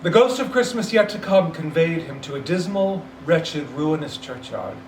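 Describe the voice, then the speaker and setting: A man reading a classic story aloud in scripted narration with theatrical, deliberate phrasing. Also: fairly high pitch, lively intonation. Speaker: story reader. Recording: roomy, distant mic, faint hiss.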